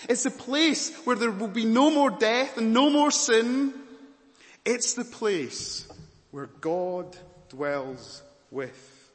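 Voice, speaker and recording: Man, pastor preaching a sermon, dramatic pauses and swells, long hall reverb. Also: very high voice, lively intonation. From Malawi.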